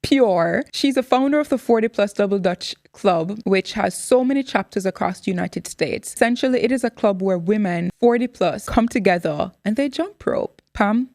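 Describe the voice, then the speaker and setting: Woman host, 30s, animated and expressive, dry close sound. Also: mid-range voice, normal speed, hardly any pauses, no echo. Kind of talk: candid interview chat.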